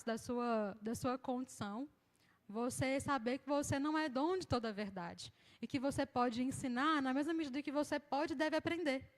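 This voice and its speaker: A Brazilian woman minister preaching a sermon in a lively, conversational way, acting out the people she quotes. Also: sits high. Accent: Brazilian Portuguese. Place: church hall. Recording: long hall reverb.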